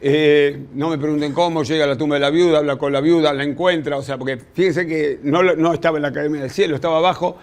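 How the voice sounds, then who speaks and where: A man with a Rioplatense Spanish accent, a rabbi teaching a class, telling old stories in a lively way, with quick quoted voices and asides to his students. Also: fairly high pitch. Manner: addresses students directly with asides. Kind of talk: storytelling lecture.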